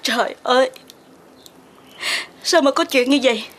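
A distraught middle-aged mother speaks in a high voice. She is tearful and pleading in a family TV drama. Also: unhurried, fairly bright tone. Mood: worried. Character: distraught rural mother begging her son to stay. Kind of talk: TV drama acting.

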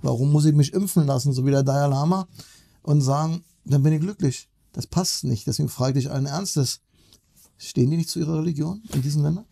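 Casting: male host, dark, gravelly, fast questioning talker. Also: fairly high pitch. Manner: questioning, quick, agreeing. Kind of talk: casual conversation.

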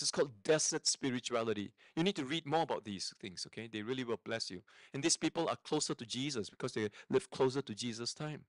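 A man preaching a teaching sermon as guest speaker. He talks emphatically, keeps checking in with his listeners, and drops low and quiet on key points. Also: no echo, poor audio. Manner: engaging, checks in with tag questions.

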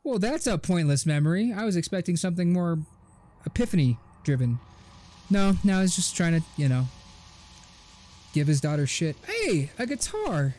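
A man's voice: sits high, very animated, moderate pace, a little mellow. A young man giving joking, sarcastic running commentary while playing a video game. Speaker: gaming host. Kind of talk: let's play commentary. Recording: faint game music behind.

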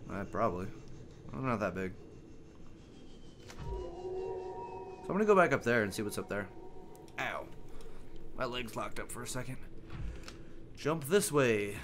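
A man's voice: mid-range voice, fairly bright tone, a little hiss or hum. Jokey, rambling male gamer. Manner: rambling, jokey, swears often. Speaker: gaming video host. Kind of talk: casual gameplay commentary.

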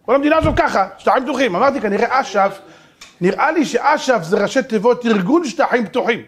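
A middle-aged rabbi preaching a lesson, animated and joking, with many rhetorical questions. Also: male voice, very high-pitched. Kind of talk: sermon.

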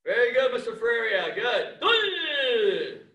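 Guy teaching martial arts, sharp shouted commands, really high forceful voice, far from the mic in an echoey room. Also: big pitch swings, slow, lo-fi sound. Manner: encouraging, frequent brief praise. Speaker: taekwondo instructor. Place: large indoor martial arts studio with mats and windows. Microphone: distant camera microphone, standing several feet away. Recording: roomy echo, distant microphone.

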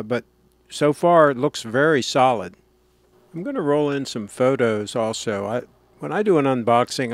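A man giving a casual product review, explaining things in a plain-spoken, unhurried way. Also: medium pitch, no echo.

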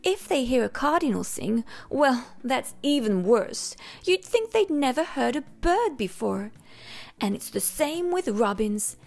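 A woman reading aloud, voicing a vain, prim female pigeon who speaks softly with her head held high. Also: big pitch swings, a little slow, vocal fry, full character voice. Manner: soft, prim, slightly raised voice.

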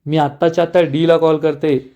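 Guy reading as a haughty young woman, scornful and insulting, mellow tone. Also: on the high side, little pitch movement, fairly quick, close to an everyday voice. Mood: angry.

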